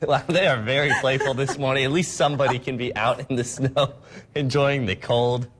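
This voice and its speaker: A man's voice: medium pitch, fairly even intonation, moderate pace, background noise. A man presenting on TV, chatting in an amused, casual way.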